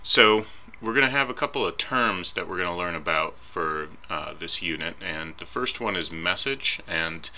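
A man lectures over slides in a casual, conversational way, pausing on fillers and fixing his own slips. His voice sits very low but has a crisp, forceful brightness. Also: expressive. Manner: informal, thinking aloud with fillers and self-corrections. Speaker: instructor.

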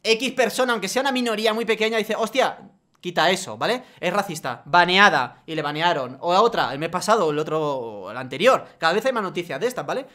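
A man ranting in a vlog monologue, profane and exasperated, swinging from loud outbursts to low muttering. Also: expressive, fast. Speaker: YouTuber.

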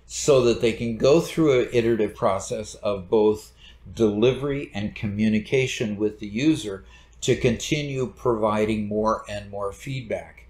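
A middle-aged man giving a recorded lecture over slides from a home study, explaining in a relaxed way at a desk camera. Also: on the low side. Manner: relaxed explanatory, gestures with hands. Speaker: instructor. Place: home study with bookshelves, indoors. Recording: roomy echo.

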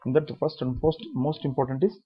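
A man's voice: medium pitch, steady tone, fast, husky, lo-fi sound. A man giving a medical lecture, explaining step by step, repeating key terms and asking then answering his own questions.

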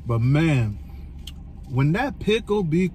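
A man's voice: fairly high pitch, very animated, slow pace, warm tone, a little hiss or hum. A man reviewing food in a casual, chatty way, licking his fingers while he talks. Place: parked car.

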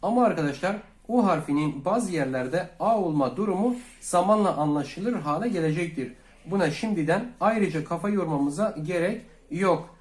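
Slightly high male teacher, calm, says everything twice, roomy echo. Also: moderate pace. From Turkey. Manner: calm, repeats each phrase twice, addresses viewers as friends. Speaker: language teacher. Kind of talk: slow Russian lesson for Turkish learners.

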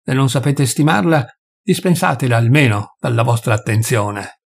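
A man voicing a furious, grieving male doctor who shouts and hammers out each word, with a husky voice. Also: medium pitch, expressive, moderate pace.

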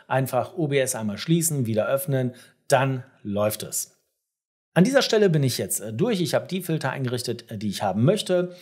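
A middle-aged man with a husky, mid-range voice presents a step-by-step software tutorial. He explains things directly to the viewer.

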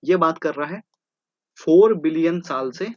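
Male teacher, fairly high voice, repetitive drilling, dry muffled lo-fi sound. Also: a little slow, no echo. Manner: repetitive, drilling terms, asking and answering his own questions. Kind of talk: exam-prep lecture. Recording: dull lo-fi sound.

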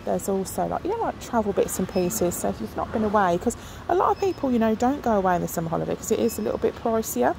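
A middle-aged shopping vlogger talks fast and sing-song, with a medium-pitched, creaky voice and few pauses. She films the aisles of a large discount shop on her phone, chatting casually and thinking aloud with lots of ums amid noisy shop ambience.

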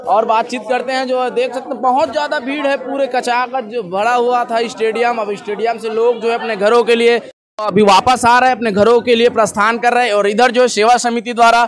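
A young man with a high, bright speaking voice reports from a packed outdoor religious gathering. He talks in a chatty, repetitive way, leaning on filler phrases. A loud crowd roars behind him. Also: fairly even intonation, fairly quick. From Chhattisgarh, India. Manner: repetitive, eager, fills with "jo hai". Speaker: roving vlogger interviewing festival crowd. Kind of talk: on-the-spot reporting and crowd interviews.

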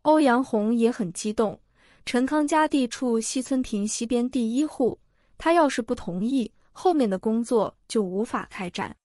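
A woman narrates a village drama in a steady, scripted reading voice that sits a little high. The sound is dry and close, with no room around it. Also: moderate pace, dry recording. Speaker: storyteller.

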